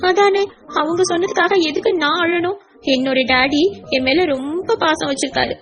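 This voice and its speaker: A woman's voice: extremely high pitch, normal speed, fairly bright tone, soft background music. A woman voicing a stubborn, hurt little girl in an insistent, childlike way for an audiobook. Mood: earnest. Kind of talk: audiobook character voice.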